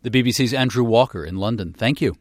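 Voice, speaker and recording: A man's voice: medium pitch, fast talker, dry recording. Male news host, medium register, scripted radio delivery, dry studio.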